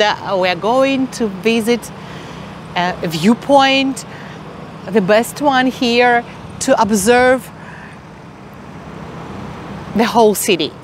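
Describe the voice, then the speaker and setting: A woman in her forties with a Russian accent, a travel vlogger chatting enthusiastically, with many fillers and pauses, filming on a phone outdoors. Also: fairly high pitch, background noise. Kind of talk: casual travel vlog narration. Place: outdoors in a city and inside a large mosque.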